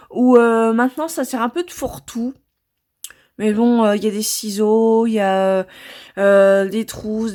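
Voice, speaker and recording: Her voice a little high and darkish, a French vlogger gives a casual tour of her home craft room. She hesitates often between thoughts and fills the gaps with plenty of filler sounds.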